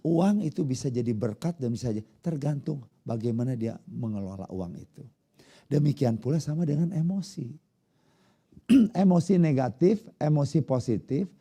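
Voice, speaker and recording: A pastor preaching a conversational sermon, often putting questions to the congregation. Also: male voice, on the high side, mellow, slightly rough.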